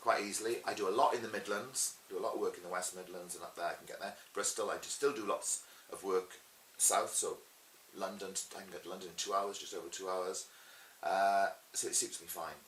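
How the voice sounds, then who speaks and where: In a low-pitched, brisk Welsh voice, a middle-aged man from Swansea recounts tales during a casual interview about being a pantomime dame and cabaret performer. He's chatty and animated, acting out the quotes, and the recording has a roomy echo with faint hiss.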